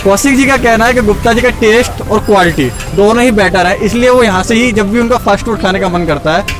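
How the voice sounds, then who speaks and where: Guy vlogging through a face mask at a street food stall, high voice, music playing behind. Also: fast talker. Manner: friendly, repeats answers back, addresses viewers directly. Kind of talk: casual street food vlog interviews. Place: outdoors at a busy city street food stall. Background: background music and street traffic.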